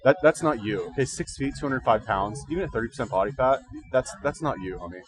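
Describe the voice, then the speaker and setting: This male livestream host has a mid-range voice, lively intonation and a fast delivery, captured on a low-quality recording. Slightly congested and just woken up, he rambles casually through fitness and diet tips, using slang and thinking aloud.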